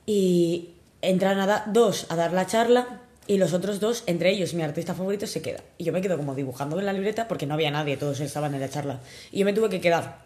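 Young woman, kinda tipsy, telling a story all excited, giggly, casual podcast chat. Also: fairly low pitch, quick pace. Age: young adult. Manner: animated, excitable, laughs often. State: a little tipsy.

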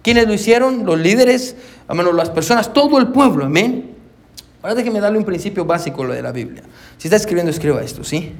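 A pastor preaching a sermon with lively delivery, peppering his points with "amén" and acting out little conversations. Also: high voice, quick pace. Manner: animated preaching, punctuated with frequent "amén"; acts out little dialogues with congregants and his wife.

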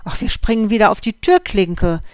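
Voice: medium pitch, moderate pace, no echo, lightly acted. A storyteller voicing Nina, a young female cat who used to be human, who speaks bluntly and plaintively in a dry recording.

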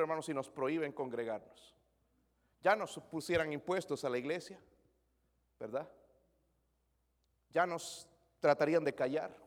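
A man's voice: fairly high pitch, long reverb tail. A man preaching a sermon as pastor, asking the congregation questions and dropping English words into his Spanish.

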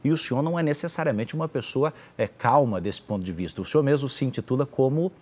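A man with a Brazilian accent interviewing a presidential candidate, asking formal, measured questions. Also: mid-range voice, darkish tone. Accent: Brazilian Portuguese. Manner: formal, addresses guest as candidate.

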